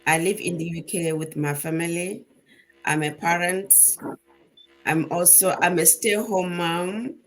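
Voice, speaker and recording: A woman from Botswana, a guest on a live online talk show, speaking in a halting, self-correcting way. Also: lowish voice, steady tone.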